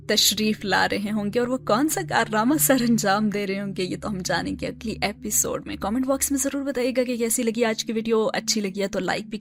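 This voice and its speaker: A woman narrating scenes from a novel, then chatting casually about the story as the channel's host. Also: mid-range voice. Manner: relaxed, chatty commentary. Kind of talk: novel reading and review. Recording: narration over background music. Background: background music.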